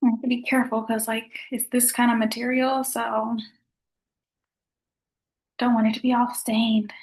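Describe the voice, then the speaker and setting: A soft-spoken woman chatting casually in a food vlog, talking at a low volume. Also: little pitch movement, normal speed, poor audio. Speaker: vlogger.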